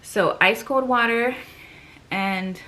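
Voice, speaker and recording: A woman's voice: medium pitch, a little slow, gravelly, fairly bright tone. A young woman vlogger chatting casually to camera, out of breath, with lots of fillers and sighs.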